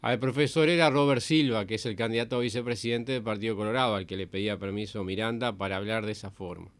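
A man with a Uruguayan Spanish accent delivering a radio news report, measured and hesitant. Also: fairly low pitch, fairly even intonation, dry recording. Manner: measured, with frequent hesitation fillers.

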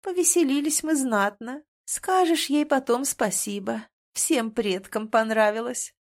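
Doting ghost granny played by a woman in an audiobook, sing-song and sweet, lifts her voice high when admiring. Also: unhurried. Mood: tender. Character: tender, doting ghost grandmother, a former queen. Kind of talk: audiobook character reading.

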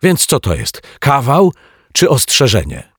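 Guy putting on a flustered caretaker voice, fretful, slow and worried, husky. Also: huge pitch swings, a bit bright, no room sound, studio quality, exaggerated voice. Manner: fretful, pleading, higher pitched. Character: nervous flustered middle-aged male caretaker.

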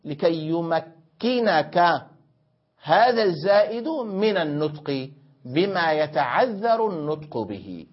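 A man's voice: a little high, big pitch swings, slow. A man teaching a grammar lesson, questioning his students and correcting them, explaining by repeating and rephrasing points. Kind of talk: classroom lesson. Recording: dull lo-fi classroom recording.

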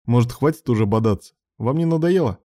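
A man voicing a calm, wry peacemaker who speaks evenly with light mockery. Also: medium pitch, a little fast, no room sound, studio quality, close to an everyday voice.

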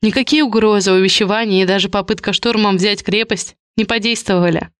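A woman reading audiobook narration in an even, steady way. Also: medium pitch, a little fast, no room sound, studio quality.

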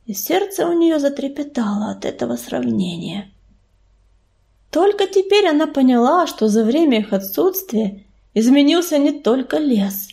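Expressive high-voiced woman narrating. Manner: expressive, dramatic. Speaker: audiobook narrator. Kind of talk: scripted storybook narration.

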